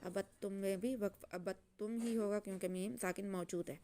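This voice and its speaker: A woman teaching Quran reading, chanting letters and syllables slowly, then explaining the rules in quick soft asides. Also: mid-range voice, steady tone, slight background noise.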